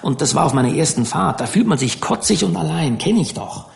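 A man doing an eager, high teenage fisher boy. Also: sing-song, vocal fry, exaggerated voice. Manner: quick, eager, colloquial. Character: cheeky teenage fisher boy, curious, blunt.

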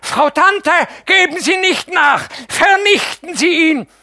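A man's voice: extremely high pitch, expressive, slow, fairly bright tone, voice pushed up, exaggerated voice. A man reading an audiobook, voicing a bitter, hysterical young woman who hurls frantic accusations. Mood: shrieking.

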